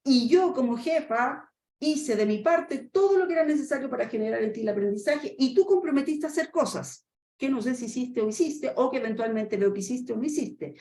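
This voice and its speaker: A woman's voice: high-pitched, a little fast, dark tone. A woman training consultant giving a webinar lecture, often checking in with her listeners and acting out workplace dialogues. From Chile. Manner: acts out boss-employee dialogues; addresses audience directly with check-ins. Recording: echoey room.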